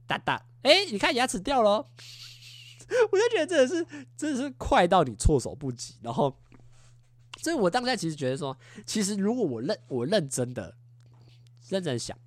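A man in his twenties hosting a podcast, telling a story in a casual, animated way and acting out what people said with little sound effects. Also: high voice, no echo. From Taiwan. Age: 20s. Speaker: podcast host.

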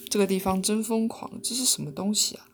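A woman voicing an angry, half-mad young man in a cape, shouting indignantly in a storybook reading. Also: mid-range voice, steady tone, fairly quick, slight background noise, lightly acted.

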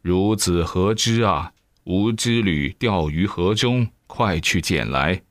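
A man voicing a stern old hermit sage who scolds slowly in archaic phrases. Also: low voice, dry recording, clean studio sound. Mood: scolding. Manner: slow, drawn-out, archaic scolding.

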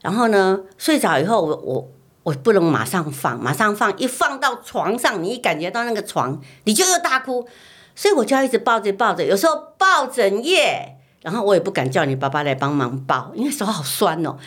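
A woman's voice: medium pitch, fairly quick. A middle-aged mother, chatting casually and repeating words as she tells a story. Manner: animated storytelling, repeats words, acts out her own past lines. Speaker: mother recalling her child's infancy. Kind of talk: casual family chat.

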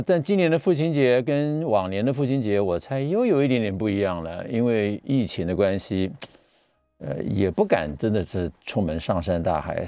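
Male radio doctor-host, middle-aged, Taiwanese Mandarin accent, fairly low voice behind a face mask, dry studio, measured explainer with pauses. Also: creaky, dark tone, no room sound. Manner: speaking through a face mask. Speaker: radio show host and family physician. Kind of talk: live radio health talk.

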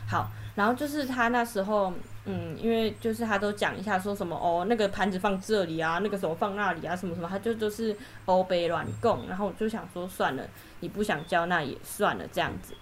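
Animated young woman telling work stories. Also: medium pitch, fast talker, slight background noise. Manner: animated storytelling, acts out coworkers' lines. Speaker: guest. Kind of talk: casual podcast chat.

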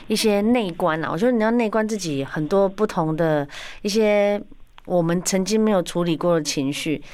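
Chatty woman host, lowish voice. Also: normal speed, clear, resonant tone. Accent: Taiwanese Mandarin. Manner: chatty, warm agreeing with many short backchannels. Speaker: podcast host. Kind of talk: casual podcast interview.

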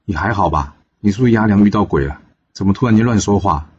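A man's voice: on the low side, animated, fast, slightly rough, dull audio. A man doing an anxious old city lord. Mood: mocking. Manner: anxious, pleading. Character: worried older male city lord, cautious father.

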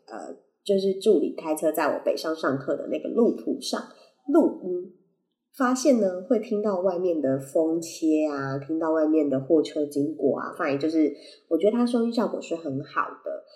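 Her voice is low-pitched and dark, animated, at a moderate pace. She hosts a casual solo podcast with a Taiwanese Mandarin accent, her braces leaving her articulation slightly unclear, and she rambles playfully while correcting herself. A compact condenser microphone plugged into a phone captures a roomy, echoey sound.

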